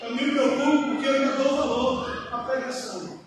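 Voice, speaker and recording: A man in his fifties preaching a fervent sermon, swinging between shouted calls and quiet asides. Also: extremely high pitch, normal speed. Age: 50s. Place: large church hall. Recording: echoey hall from far off, faint noise.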